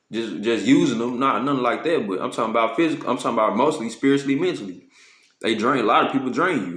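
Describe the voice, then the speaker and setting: A man preaching informally to a camera in street slang, with profanity, often asking "you know what I'm saying," and slowing down to read scripture. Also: medium pitch, echoey room. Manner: slows to read scripture aloud. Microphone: phone or camera.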